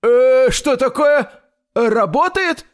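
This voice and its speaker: A man voicing a fussy, chatty male tailor who rambles excitedly. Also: high voice, a little slow, pitched above the performer's own voice. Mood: excitable, chatty.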